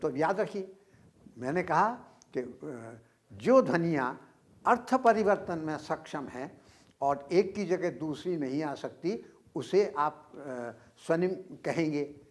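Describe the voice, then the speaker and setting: An older male lecturer speaks very slowly and deliberately, in a somewhat raised pitch. He works through his points with drawn-out pauses. He stresses words to demonstrate his examples. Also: expressive. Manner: slow and explanatory, with many drawn-out pauses. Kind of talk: recorded university lecture.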